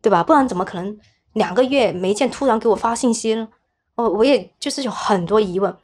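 A woman's voice: medium pitch, a little fast. A young woman telling a personal story as a podcast guest, speaking hesitantly, often repeating words and restarting her sentences. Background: soft background music.

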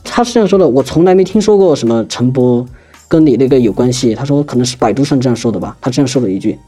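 Young male storyteller, rapid and rambling, mellow husky tone, lots of restarts. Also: mid-range voice, animated, soft background music. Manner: rambling, hesitant, with many restarts. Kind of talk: casual spoken personal story.

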